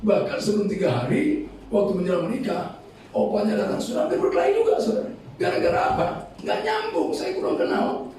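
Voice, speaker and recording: Brief: middle-aged Batak pastor from Medan, animated high voice, mellow tone, joking sermon in a big echoey church heard from afar. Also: male voice, brisk, slight background noise. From Medan, North Sumatra. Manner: humorous storytelling, laughing, addresses congregation as "saudara". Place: large church hall. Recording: echoey church hall, from far off.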